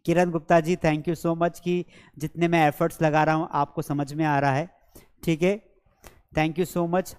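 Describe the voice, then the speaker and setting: A man teaching English grammar in a live online class, repeating example sentences slowly and checking that students follow; his first language is Hindi. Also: on the high side, little pitch movement, a little mellow, clean tone, in a large hall. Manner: slow, drilled repetition of example sentences; coaxing, checks understanding with repeated questions. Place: studio with a board and screens.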